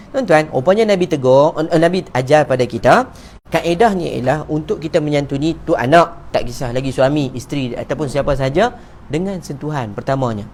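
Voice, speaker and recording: A Malaysian man with a Malay accent giving an evening talk in a neighbourhood prayer hall, lively and joking, acting out little dialogues. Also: a little high, slight background noise. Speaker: religious teacher.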